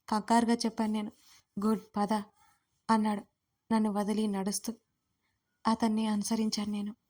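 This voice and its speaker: A woman telling a first-person audio story in a steady, even storytelling manner, turning to speak directly to listeners. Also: medium pitch.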